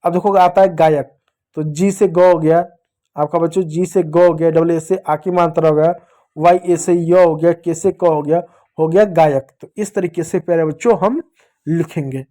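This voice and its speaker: A man's voice: fairly high pitch, fairly even intonation, moderate pace, mellow. A man teaching young children step by step, patiently repeating each point and asking questions that he answers himself. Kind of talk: classroom lesson for young children.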